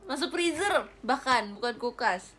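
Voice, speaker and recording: Giggling frequently, a young Indonesian woman chats on a livestream and reads out viewer comments, her voice high, bright, animated and unhurried. She's an idol streamer using a phone or webcam in an air-conditioned room, and there's a little hiss or hum.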